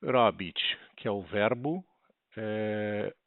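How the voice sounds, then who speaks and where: A man with a Brazilian Portuguese accent teaching an online language lesson, explaining slowly and carefully. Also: lowish voice, lively intonation, no room sound. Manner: slow, explanatory, spells out words carefully. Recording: tinny, lo-fi and dry.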